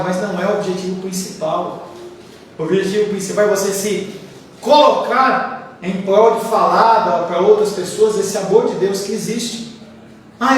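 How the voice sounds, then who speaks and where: A man's voice: high voice, a little hiss or hum. A man with a Brazilian Portuguese accent, preaching a sermon as a pastor in a conversational way, full of asides and anecdotes. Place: church hall. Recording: echoey room from far off with faint ambience.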